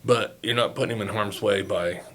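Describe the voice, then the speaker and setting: A man's voice: lowish voice, steady tone, brisk, fairly bright tone. Folksy older man with a Southeast Ohio accent. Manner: folksy, rambling, swears freely. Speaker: podcast guest, youth football coach. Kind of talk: casual storytelling chat.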